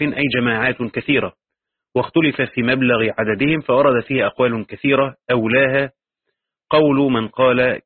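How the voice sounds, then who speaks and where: A man reading aloud and explaining a Quran commentary in measured, pausing lessons, correcting himself and adding asides. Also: medium pitch, breathy edge, no echo, narrow, tinny audio.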